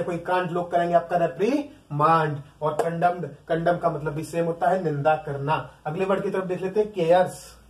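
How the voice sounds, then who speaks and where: Indian male tutor, high voice, repetitive drilling, set back from the mic. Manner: repetitive, drills words aloud, asks the class questions. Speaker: vocabulary teacher. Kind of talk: exam-prep vocabulary lesson. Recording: echoey room, mic at a distance.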